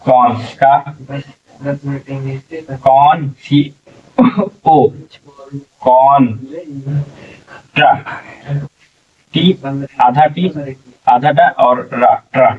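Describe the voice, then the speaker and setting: A male English teacher slowly sounding out words letter by letter in a spelling lesson, often checking in with the class. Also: mid-range voice. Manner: slow, drawn-out syllable-by-syllable sounding out; frequent "theek hai" check-ins. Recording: distant, dull lo-fi recording.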